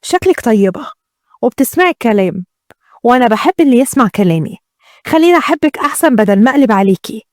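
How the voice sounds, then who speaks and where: A woman's voice: a little high, very animated, quick pace, no room sound, studio quality. A woman with an Egyptian accent voicing a jealous, domineering first wife who threatens and commands. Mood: scornful. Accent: Egyptian Arabic.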